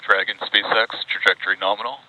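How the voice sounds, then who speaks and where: A man's voice: lowish voice, fairly even intonation, quick pace, bright, forceful tone. A man in mission control giving terse, matter-of-fact callouts over a noisy space radio loop. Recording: noisy radio feed from far off.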